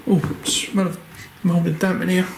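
Narrating an exploring vlog on a handheld camera, a paranormal channel host walks through an empty derelict building, chatting casually and exclaiming at what he sees. His voice is high, creaky, and fairly flat, at normal speed. The empty rooms echo, and there's background noise.

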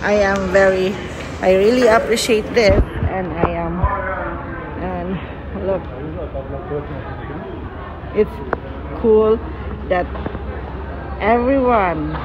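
A young woman, a native Filipino speaker, talks earnestly in a low-pitched voice while filming a walking vlog on her phone, repeating words for emphasis. She's off screen, holding the phone camera as she moves through a busy city waterfront plaza outdoors, and street noise runs through the recording.

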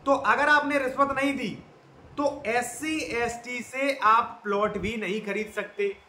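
A man's voice: extremely high pitch, fairly even intonation, a little slow, bright, forceful tone. A man, earnestly explaining a legal issue to his viewers in a monologue. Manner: earnest, repeatedly addresses viewers as companions. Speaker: legal commentator. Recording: echoey room with faint noise.

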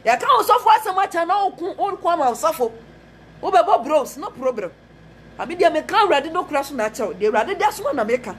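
A woman's voice: very high voice, big pitch swings, fast talker, a little hiss or hum. A woman with a Ghanaian accent preaching a fervent message, repeating phrases and mixing Twi with English. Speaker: prophetess.

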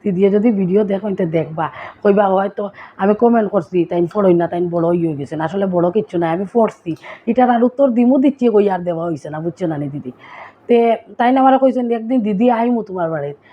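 A woman's voice: mid-range voice, quick pace, dull audio, a little hiss or hum. A woman vlogger with a Sylheti Bengali accent, chatting playfully and straight to her viewers in a casual vlog. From Assam, India.

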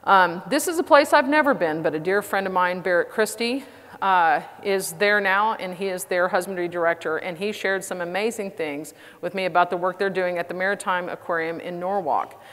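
Middle-aged Texan woman, low-ish voice, casual self-deprecating presenter, long hall reverb. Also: normal speed, fairly bright tone. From Texas. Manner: chatty, self-deprecating, frequent fillers. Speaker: conference speaker. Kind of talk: conference talk. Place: large conference hall.

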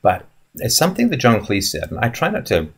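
A man in his fifties chats casually on a live stream from an indoor room in front of a wooden wall, answering chat questions. His medium-pitched, breathy-edged voice swoops wildly in pitch as he talks briskly, musing and rambling with many fillers and restarts.

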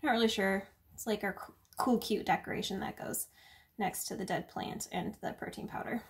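A woman's voice: medium pitch, steady tone, normal speed, creaky. A woman reviewing a drink in a casual vlog, chatty and sarcastic, full of fillers and swearing. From United States.

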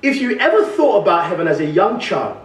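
A young guest preacher from England, with a West Midlands accent, delivers a sermon in a large indoor church hall, animatedly calling out questions to the congregation and gesturing broadly at the pulpit. His voice is high and fairly quick. A stand mic at the pulpit and a far camera give roomy, distant echo.

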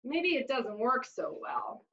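In a small room, a woman in her thirties with a high voice performs a storybook for young children, using exaggerated, expressive delivery and dramatic pauses. It's captured on a webcam, so the sound is lo-fi and dull.

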